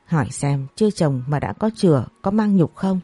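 A woman's voice: low voice, lively intonation, moderate pace, warm tone, breathy edge, dry recording. A woman voicing an angry, heartbroken middle-aged mother scolding her daughter.

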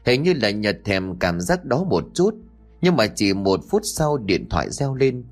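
A man narrating a scripted horror story in a lively, expressive way. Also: on the low side, a little slow, faint music behind.

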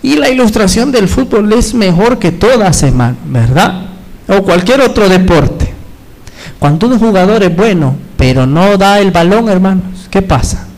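Man, pastor, sermon, high voice, rhetorical questions, emphatic delivery. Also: animated, moderate pace, low-quality recording. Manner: addresses the congregation as brothers, with constant rhetorical questions; emphatic, with shifting pitch and loudness.

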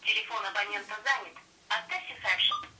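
A woman's recorded answering machine announcement, heard through a phone line. Her tone is very bright and her pitch moves in a lively way, delivered in a formal, even announcer manner. The sound is distant and echoey, with faint hiss behind it. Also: fairly quick. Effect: automated answering machine message over a phone line. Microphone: played through a phone speaker.

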